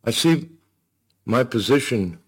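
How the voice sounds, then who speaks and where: A man preaching a sermon to his congregation, measured and emphatic, with pauses. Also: mid-range voice, lively intonation, breathy edge. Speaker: pastor.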